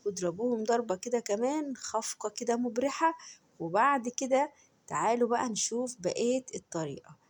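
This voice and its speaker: An Egyptian woman talks her viewers through a home recipe at a quick clip. Her voice is a little husky, and she chats with them like old friends while praising every dish. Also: a little high, darkish tone. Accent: Egyptian Arabic. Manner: chatty, addresses viewers directly as friends, enthusiastic food praise. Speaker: cooking channel host. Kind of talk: home cooking tutorial voice-over.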